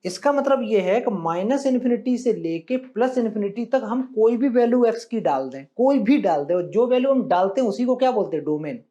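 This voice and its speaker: A man's voice: high voice, dark tone. A male maths teacher giving a classroom lecture, coaxing his students with questions and affectionate calls of "beta" and "bachcha".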